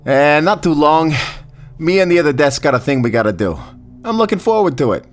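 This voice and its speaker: A man voicing a flirty, jovial Grim Reaper, wildly animated. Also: a little high, a little fast, faint music behind, close to an everyday voice. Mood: casual, flirty. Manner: folksy slangy drawl, joking and teasing. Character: jovial flirtatious male Grim Reaper, morbidly joking, folksy. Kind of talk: fantasy audio roleplay acting.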